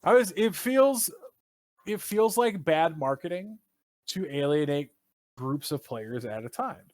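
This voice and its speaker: A man's voice: fairly high pitch, measured pace, no echo. Man, podcast co-host, casual chat, opinionated, swears a lot, dry sound. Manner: animated, opinionated, swears often.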